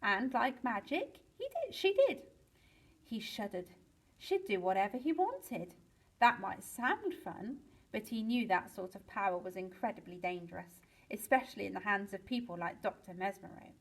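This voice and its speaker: A woman teacher reads a children's chapter book aloud at a middle pitch. Her storytelling is lively, and she swings her voice up for the exciting moments. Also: moderate pace, vocal fry, poor audio. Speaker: teacher reading to pupils.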